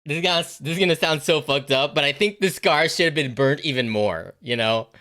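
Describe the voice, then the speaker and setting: A man giving casual, animated reaction commentary on a TV episode, swearing freely and saying "like" and "you know" a lot. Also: fairly high pitch, brisk, soft background music. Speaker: reaction video host.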